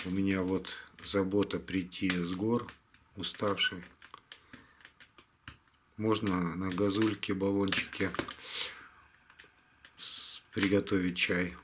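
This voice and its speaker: A tired man talking casually to camera in a halting, resigned way, like a hunting vlogger winding down his day. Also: deep voice, background noise. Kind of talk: casual vlog monologue to camera.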